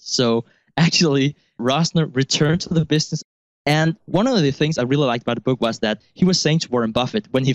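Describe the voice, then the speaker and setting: A man co-hosting a casual podcast at an ordinary mid pitch. He tells stories with an amused air and often chuckles mid-sentence. The recording is dry and close. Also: no room sound, highs cut off. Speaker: podcast co-host.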